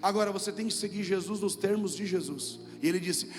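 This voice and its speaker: With soft music in the background of a church hall, a pastor with a Brazilian Portuguese accent preaches a little fast in a high-pitched voice, trailed by long reverb. His sermon is emphatic and repetitive, and he calls on the congregation to say his words back to him.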